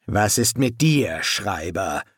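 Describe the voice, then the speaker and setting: Guy reading as a gloomy vampire soldier, cold and slow, voice swings up and down a lot, dry close sound. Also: lowish voice, big pitch swings, slightly rough, no room sound, exaggerated voice. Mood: menacing. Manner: clipped and cold, turning wild and shouting. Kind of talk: audiobook character voice.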